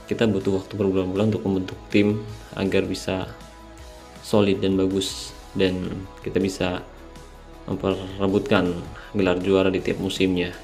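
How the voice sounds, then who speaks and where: Late at night, a drowsy young host of a mobile game channel narrates a relaxed gameplay tutorial, addressing his audience as "guys." His voice sits low, with a darkish tone and a slight nasal quality.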